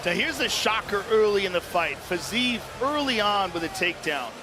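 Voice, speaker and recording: Man, fight analyst, high voice, plain-spoken exclamatory breakdown, noisy arena. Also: expressive, normal speed. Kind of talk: live commentary and replay breakdown. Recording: clear arena noise behind.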